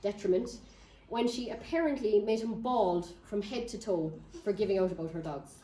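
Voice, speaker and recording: A woman's voice: medium pitch, normal speed, mellow, recorded from a distance. A woman with a County Cork Irish accent gives an informal local history talk, telling stories with wry humour. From Ireland. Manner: wry, lightly humorous. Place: echoey indoor room before an audience. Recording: echoey room, picked up from afar.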